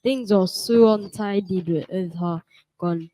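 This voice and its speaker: A woman playing a lonely elderly male inventor, speaking slowly and kindly in a school puppet play. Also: mid-range voice, dark tone, lightly acted, poor audio. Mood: gentle. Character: lonely old male inventor, gentle and kind.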